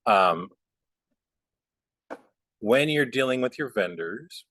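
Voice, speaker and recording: Dry-sounding relaxed male instructor. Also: medium pitch, slow pace, no echo. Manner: relaxed, rambling, lots of fillers. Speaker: bookkeeping instructor. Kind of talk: casual software class with chatty asides.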